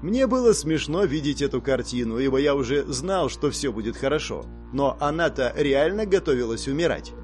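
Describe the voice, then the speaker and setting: Lively, wry male audiobook narrator. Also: medium pitch, normal speed, hardly any pauses, faint music behind. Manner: wry, sarcastic, lively expressive reading. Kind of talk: first-person audiobook narration.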